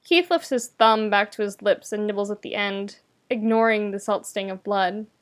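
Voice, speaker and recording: Her voice is medium in pitch at normal speed as she narrates fan fiction for a podfic. The reading is scripted and expressive like an audiobook, delivered with wry, conversational emphasis.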